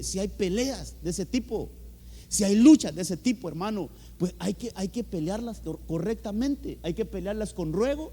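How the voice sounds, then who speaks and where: A Honduran pastor preaches from the pulpit in a raised, high voice that's mellow and slightly rough. He drives each point home emphatically by repeating key words and keeps calling the congregation "hermano." His voice rings with long reverb through the church hall.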